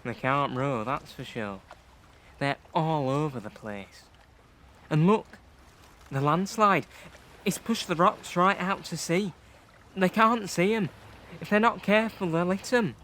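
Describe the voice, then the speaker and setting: A young actor playing a sensible, good-natured teenage boy in an audio play, steady and reasonable. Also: mid-range voice, slow, a little hiss or hum. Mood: alarmed. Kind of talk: youth theatre audio play.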